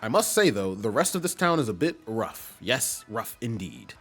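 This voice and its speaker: A man's voice: lowish voice, sing-song, normal speed, fairly bright tone, faint music behind. A man voicing a fussy old male mushroom butler, throaty, pompous and genteel.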